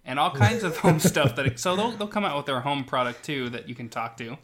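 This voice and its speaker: A man's voice: a little high, brisk, a bit bright. A man chatting casually about tech as a podcast panelist, with a wry, joking manner.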